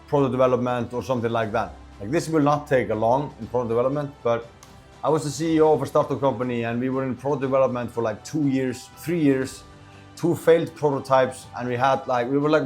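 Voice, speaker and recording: A man's voice: mid-range voice, darkish tone. A young man from Iceland who talks casually to the camera about starting businesses, rambling with lots of fillers and restarts. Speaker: entrepreneur sharing business advice. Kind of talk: casual talking-to-camera advice.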